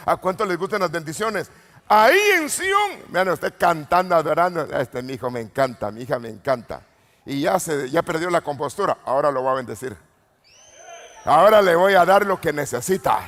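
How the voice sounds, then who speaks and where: A man preaching a Pentecostal sermon as an apostle, swinging from low murmurs to sudden shouts and calling out questions to the congregation. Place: church retreat hall. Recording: long hall reverb.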